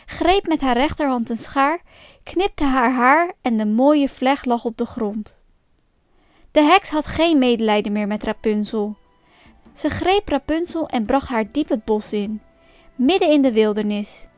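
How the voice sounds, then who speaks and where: High-voiced woman reading a fairy tale. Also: no room sound. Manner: calm, clear storybook reading. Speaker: storyteller.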